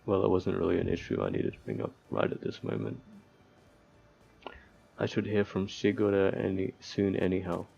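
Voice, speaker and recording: Reading game text aloud at normal speed, a gaming video host occasionally trips over the words and adds mock-despairing remarks. His voice is deep, creaky, husky and dark, captured in slightly dull lo-fi sound during casual gameplay commentary.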